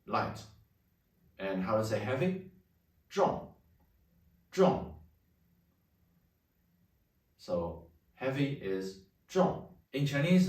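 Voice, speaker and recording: A man teaching Mandarin words in a lesson, saying each word slowly and repeating it. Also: on the low side. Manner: slow, repeats each Chinese word twice. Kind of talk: language lesson. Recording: echoey room, a bit far from the mic.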